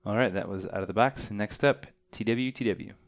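Deep-voiced male podcast co-host, easygoing, halting delivery. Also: vocal fry. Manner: relaxed, hesitant with frequent "uh"s. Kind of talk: casual podcast chat.

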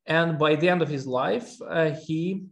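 A man from Armenia, a historian guest in an interview, speaking haltingly with many fillers and restarts. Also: fairly high pitch, gravelly. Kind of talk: academic interview.

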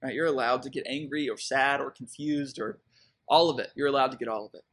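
A man's voice: mid-range voice, brisk, fairly bright tone, slightly rough. A man, preaching a sermon in a conversational, reflective way with fillers and restarts. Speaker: pastor.

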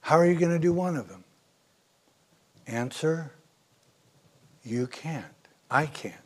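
A male pastor delivers a sermon in an unhurried, deliberate rhythm. His voice sits a little higher than most men's, and he leans into key phrases with earnest emphasis. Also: expressive, a little mellow. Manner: slow, earnest preaching with emphatic rises.

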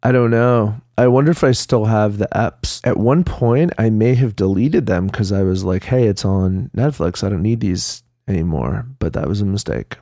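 Casting: nasal man, mellow tone, relaxed rambling chat. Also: fairly low pitch, moderate pace, hardly any pauses, no echo, studio quality. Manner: rambling, chatty, many fillers. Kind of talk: casual chat.

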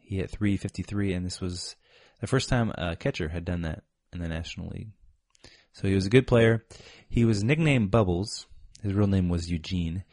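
A man co-hosting a sports podcast, telling facts in a measured, casual way. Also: deep voice, darkish tone, dry recording, clean studio sound. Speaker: podcast co-host. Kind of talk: casual chat.

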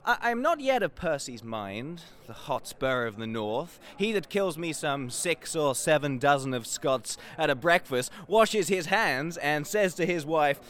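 Man acting a high-voiced, playful young prince. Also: expressive, unhurried, few pauses, a bit bright. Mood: merry, mocking. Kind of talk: Shakespearean stage acting.

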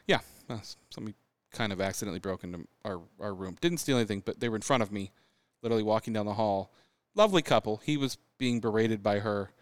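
A man co-hosting a podcast in casual chat, an animated storyteller who laughs often. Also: fairly low pitch, fast, dry recording. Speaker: podcast co-host.

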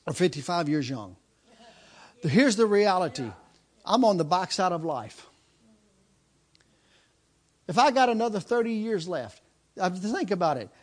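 A man in his fifties preaching a sermon, driving points home with repeated lines and quick restarts. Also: sits high, very animated. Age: 50s. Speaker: pastor.

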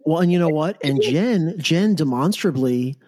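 A man's voice: a little high, lively intonation, moderate pace, mellow. A man hosting a political talk show, speaking sarcastically and mocking his targets. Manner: sarcastic, mocking, acts out imagined quotes. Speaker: host.

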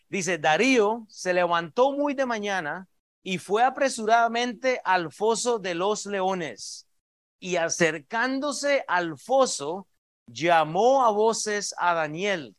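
A man's voice: high voice, fairly bright tone, no echo. A man preaching a sermon as pastor in a church, with an impassioned delivery that swells and drops in force.

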